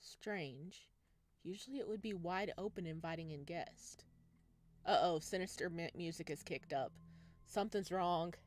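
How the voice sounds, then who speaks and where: A woman's voice: on the low side, unhurried, a little mellow. A woman let's player reading visual novel narration aloud and breaking off into casual commentary. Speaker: let's play streamer. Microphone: wearing headphones.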